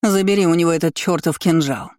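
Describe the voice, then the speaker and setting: An imperious, scheming empress of middle years who sneers and barks orders at her servants, as a male narrator puts her on. The tone is mellow and the sound dry and close. Heard in an audiobook reading. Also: a little high, fast, no echo, natural voice. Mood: commanding. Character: spiteful scheming middle-aged empress, woman.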